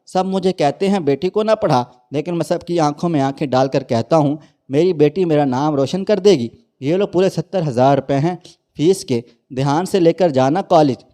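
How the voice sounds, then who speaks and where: A weary, poor old fruit-seller father speaks in a slightly raised, mellow voice, tender with his daughter and broken when she leaves him. A man voices him in a narrated story. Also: on the high side, natural voice. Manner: pleading, heartbroken.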